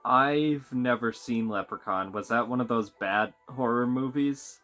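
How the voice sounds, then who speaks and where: A man's voice: medium pitch, unhurried, fairly bright tone, faint music behind. A man streaming a video game, talking casually with a friend in a rambling, hesitant way full of "like". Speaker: gameplay streamer. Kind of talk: casual let's-play chat. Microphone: phone recording.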